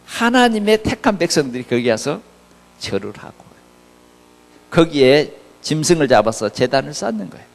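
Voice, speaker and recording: Man, pastor, lively sermon, rising and falling pitch, long church reverb. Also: normal speed, vocal fry. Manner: conversational preaching with rhetorical questions. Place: church sanctuary.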